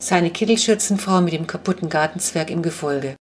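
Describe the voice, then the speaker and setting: Woman, children's audiobook narration, expressive, lower voice. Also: brisk, a little hiss or hum. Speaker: audiobook reader. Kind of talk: scripted children's book narration.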